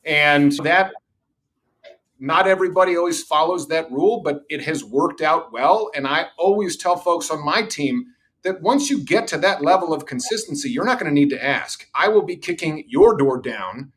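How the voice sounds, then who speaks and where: A middle-aged man in sales leadership, interviewed on a podcast, tells confident anecdotes at a moderate pace in a somewhat high voice with lively intonation. He says that his voice is loud.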